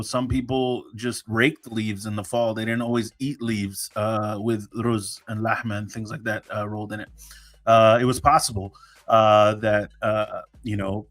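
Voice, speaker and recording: With a sharp tone and a medium-pitched voice, this American podcast host talks casually on his own show. He jokes around a lot, and his speech is full of fillers and false starts.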